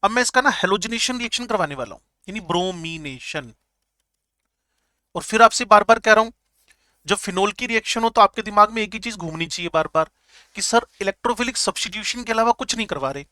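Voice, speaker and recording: A man teaching chemistry in a lecture, joking with students and repeating key terms slowly. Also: sits high, expressive, sharp tone, no room sound, clean studio sound. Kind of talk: classroom lecture.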